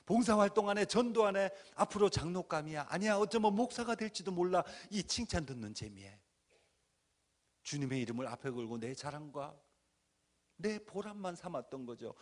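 A man preaching a dramatic testimony sermon in a church, swinging from hushed tones to shouted pleas. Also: on the high side. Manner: acts out his own pleas and cries. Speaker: guest speaker at a church revival. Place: church sanctuary.

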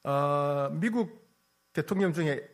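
A male pastor preaches a sermon at a slow pace in a slightly high voice, asking the congregation questions and teasing them. He repeats key phrases and swings between loud and soft.

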